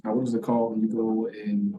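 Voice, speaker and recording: A man's voice: fairly low pitch, level tone, fast, warm tone, highs cut off, a little hiss or hum. A man hosting a campus talk, telling a story in a casual way, full of ums and restarts. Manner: hesitant, many ums and restarts.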